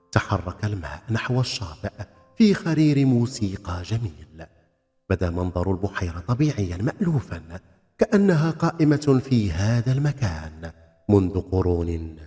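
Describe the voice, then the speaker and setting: A man narrating a scripted folk tale as a storyteller, in a theatrical, expressive, literary manner. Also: fairly low pitch. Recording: long reverb, music bed.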